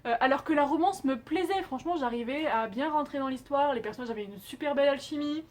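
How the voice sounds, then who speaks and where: Chatty high-voiced woman reviewing dramas. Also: quick pace. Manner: chatty, emphatic, frequent "euh" fillers. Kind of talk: casual spoken review.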